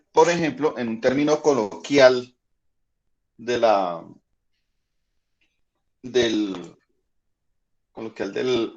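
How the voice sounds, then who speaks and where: A man teaching a high school physics class online, patiently explaining and checking in with the students often. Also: darkish tone, lo-fi sound.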